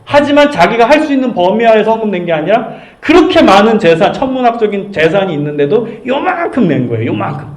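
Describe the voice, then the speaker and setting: Male pastor, animated sermon delivery, bright high voice, roomy church sound. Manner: animated preaching, addressing the congregation directly. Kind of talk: youth sermon.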